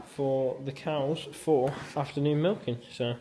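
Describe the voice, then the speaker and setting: A man's voice: mid-range voice, unhurried. A man, a dairy farmer, chatting casually while he works in a milking parlour, rambling with plenty of fillers into a handheld camera. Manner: relaxed, rambling, many fillers, explaining as he works. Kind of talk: casual walk-through vlog while working. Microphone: handheld camera mic. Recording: loud machinery noise in milking parlour. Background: running milking machinery.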